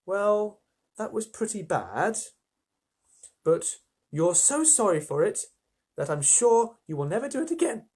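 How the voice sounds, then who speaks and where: A man's voice: high voice, big pitch swings, a little slow, pauses often, darkish tone, breathy edge, pitched above the performer's own voice, exaggerated voice. A man voicing a kind, innocent little girl in a story reading, earnest, polite and questioning. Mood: earnest, reassuring.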